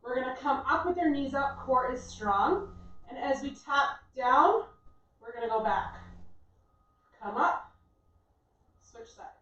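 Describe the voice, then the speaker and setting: A woman's voice: sits high, expressive, slow, pauses often, fairly bright tone. A woman fitness instructor giving workout instructions in an encouraging, reassuring way. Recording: echoey room, distant dull mic, faint noise.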